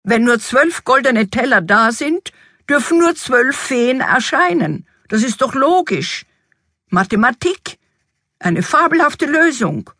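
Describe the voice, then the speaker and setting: A woman voicing an excitable, fussy fairy-tale king in a storybook reading, with an exuberant, exclamatory manner. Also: mid-range voice, measured pace, husky, no echo, clean studio sound.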